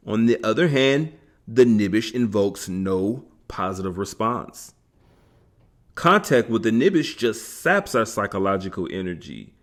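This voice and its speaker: A man reading a self-help book aloud in a measured, emphatic way. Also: mid-range voice. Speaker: audiobook reader.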